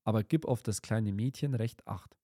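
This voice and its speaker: A man's voice: on the low side, normal speed, warm tone, no room sound, studio quality, lightly acted. A man voicing a brash, commanding little robber girl in a fairy-tale reading.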